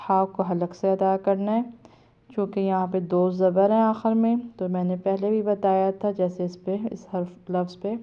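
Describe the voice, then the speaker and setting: Woman teacher with a Pakistani Urdu accent, smooth voice, chants each syllable, dull home recording. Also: medium pitch. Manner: chants letter sounds slowly, then explains rules quickly. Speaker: Quran reading teacher. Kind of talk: step-by-step spelling lesson.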